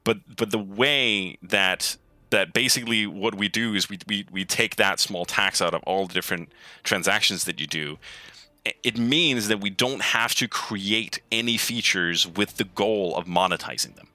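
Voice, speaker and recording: As a guest, a lead gameplay programmer talks casually and eagerly about his job, often restarting sentences and repeating words. His voice is lowish, pushed and bright, at a moderate pace, with no echo.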